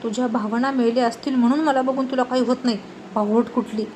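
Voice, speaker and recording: An irritable young husband , voiced by a woman narrator snaps and scolds in exasperation. The voice stays high, close to her own. Faint noise hums under this storybook telling. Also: fairly even intonation, fast talker, darkish tone, natural voice. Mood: angry.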